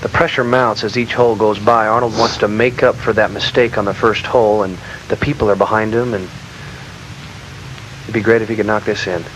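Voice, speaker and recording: A man's voice: on the low side, steady tone, fairly quick, a bit bright, a little hiss or hum, low-quality recording. A man giving conversational colour commentary as a golf commentator on a live broadcast.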